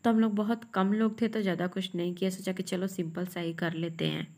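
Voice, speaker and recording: A woman's voice: on the low side, steady tone, brisk, darkish tone. A young woman narrating her family vlog in a chatty, homely way, talking straight to her viewers. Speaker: family vlogger.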